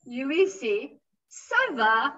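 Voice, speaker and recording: A woman's voice: on the high side, expressive, slow pace, a bit bright, dull audio. A woman with a French accent teaching a beginners' French lesson, patiently modelling phrases and encouraging her students.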